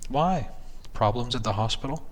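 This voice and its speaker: Man voicing a concerned, coaxing wife, raised pitch. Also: expressive, normal speed, slight background noise, natural voice. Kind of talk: horror story reading.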